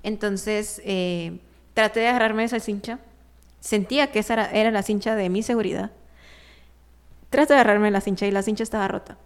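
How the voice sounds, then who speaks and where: A woman telling a personal story in casual conversation, animated and often laughing, with many fillers. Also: medium pitch, brisk, clean tone.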